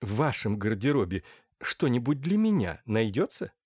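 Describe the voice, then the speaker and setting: A man voicing an excitable, jumpy young male painter in an audiobook. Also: medium pitch, moderate pace, breathy edge, dry recording, studio quality. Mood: eager. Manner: eager, jumpy. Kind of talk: audiobook character voice.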